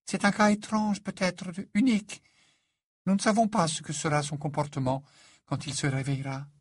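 A man voicing a grave, weary middle-aged wizard who speaks in a slow, measured way. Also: on the high side, little pitch movement, husky, dry recording, clean studio sound, voice pushed up.

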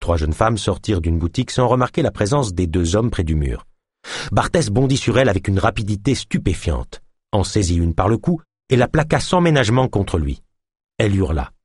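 A male audiobook narrator reads a thriller in a steady, measured way. His voice is low and husky, recorded dry and close. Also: dry recording. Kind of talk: scripted narration of a thriller novel.

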